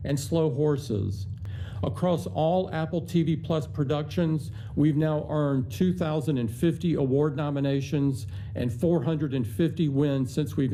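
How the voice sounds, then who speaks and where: An older chief executive on an earnings call reads scripted remarks on quarterly figures, then answers questions unscripted. His mellow, mid-pitched voice stays measured and upbeat in a corporate way, with some hesitations. The recording is low quality, with a faint hiss underneath.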